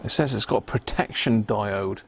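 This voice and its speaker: Working at an electronics bench, a man runs a relaxed hobby livestream, chatting like a mate and muttering to himself along the way. His voice is fairly low, creaky and fairly bright in tone, and he speaks at normal speed.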